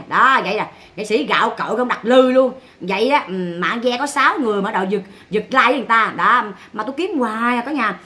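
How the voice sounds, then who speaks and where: A woman's voice: on the high side, pushed and bright. A woman with a Southern Vietnamese accent, ranting sarcastically and bluntly on a livestream.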